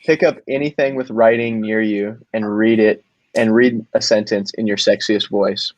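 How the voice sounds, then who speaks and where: A man's voice: fairly low pitch, fairly even intonation, normal speed, no room sound, muffled recording. Man, playful host, upbeat, dry close sound, remote call. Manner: upbeat, playful, hypes the viewers. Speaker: host of the game. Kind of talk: casual chat.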